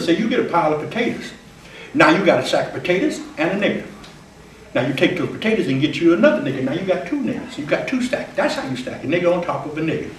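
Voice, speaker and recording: Man voicing a bitter, mocking play character, quick rhythmic patter, heard from across a roomy classroom. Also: fairly high pitch, slight background noise, close to an everyday voice. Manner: rapid, rhythmic, sardonic storytelling. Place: college classroom. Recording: roomy classroom recorded from far off.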